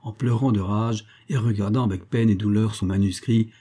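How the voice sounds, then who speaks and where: A man reading a literary tale aloud in a measured, even storytelling manner. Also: fairly low pitch, breathy edge. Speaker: audiobook reader.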